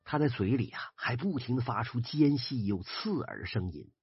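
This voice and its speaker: A man with a Northeastern Chinese accent telling a folk ghost story in a lively, dramatic way. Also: mid-range voice, normal speed, dry recording. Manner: lively, dramatic retelling, husky. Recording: dry, slightly dull recording with faint music.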